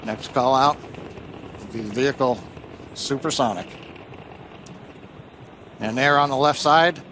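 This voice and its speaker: A man's voice: mid-range voice, takes it slowly, bright, forceful tone, slight background noise, poor audio. A man giving live launch commentary as a webcast commentator, explaining in a technical way.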